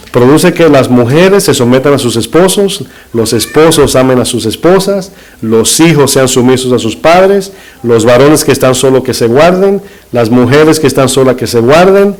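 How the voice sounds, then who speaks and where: A man's voice: mid-range voice, darkish tone, low-quality recording. A middle-aged man, a pastor, preaching a sermon in short emphatic phrases and putting rhetorical questions to his congregation. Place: church.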